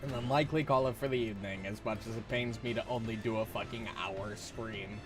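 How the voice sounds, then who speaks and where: A man's voice: on the low side, steady tone, fairly quick, music in the background. A man giving casual live game commentary as a streamer, swearing freely and poking fun at himself. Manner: sweary, self-deprecating.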